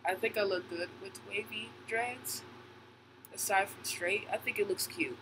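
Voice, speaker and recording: Brief: young man, high voice, wearing braces, candid filler-heavy vlog chatter, audible hum behind. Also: fairly even intonation, unhurried. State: speaking with braces on. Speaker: vlogger. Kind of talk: casual vlog update. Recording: audible background noise, air conditioning hum.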